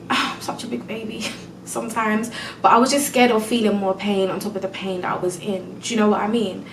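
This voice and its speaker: A woman's voice: medium pitch, steady tone, fairly quick, reverberant, distant mic, a little hiss or hum, rough recording. A young woman venting in a casual storytime vlog, exasperated and close to tears, full of "like" and "do you know what I mean". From England. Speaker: vlogger.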